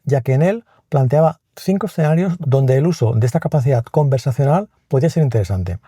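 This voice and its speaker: A man's voice: mid-range voice, mellow, no room sound, clean studio sound. A man with a Spain Spanish accent presenting a tech review and explaining things plainly. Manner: explains quickly and plainly, chats with the assistant. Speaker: tech video host.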